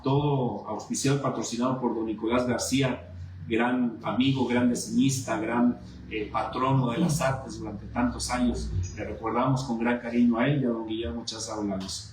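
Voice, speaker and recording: A man's voice: medium pitch, steady tone, moderate pace, a little mellow. A man talks through his memories, looping back on words as he hunts for them. He sits in a roomy, echoing space with a faint background hiss. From Veracruz, Mexico. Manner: reminiscent, repeats words while searching for them. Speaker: poet and guest. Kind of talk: conversational interview, poetry recital.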